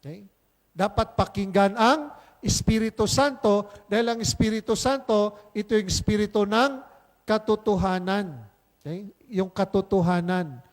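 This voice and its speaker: A man's voice: sits high, moderate pace. A male priest giving a conversational homily at Mass, mixing English into Filipino and often checking in with "di ba?" and "okay?", with playful asides. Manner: conversational, keeps asking "di ba?" and "okay?"; mixes English phrases into Filipino. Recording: long hall reverb.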